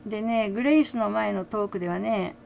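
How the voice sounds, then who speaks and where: Chatty older woman with a gravelly voice. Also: mid-range voice, fairly quick, darkish tone, slight background noise. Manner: chatty, laughing often, many fillers. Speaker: fan commentator. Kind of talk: casual chat.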